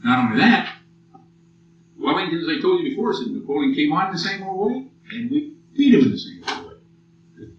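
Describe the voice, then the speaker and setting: A man's voice: sits high, normal speed, pauses often, a little hiss or hum. A man in his sixties with an American accent, lecturing a class and telling blunt, profane war stories. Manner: blunt, profane, animated storytelling. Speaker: military lecturer. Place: lecture hall. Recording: muffled old tape from far off in an echoey room.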